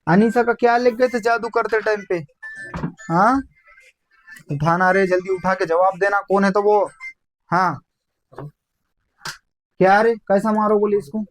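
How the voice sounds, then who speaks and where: A man's voice: sits high, a little slow, pauses often, slight background noise. A man, acting as a faith healer, harshly interrogating and scolding during an exorcism. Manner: harsh, scolding, barks demands. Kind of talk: commanding interrogation.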